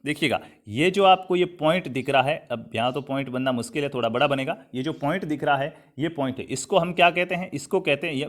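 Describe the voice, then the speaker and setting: A man from Rajasthan, India, teaches an online Hindi grammar class while writing on a digital board, repeating points and checking in often with "thik hai." He calls his students "saathiyon" and "bhai," talking quickly with hardly any pauses in a slightly high voice.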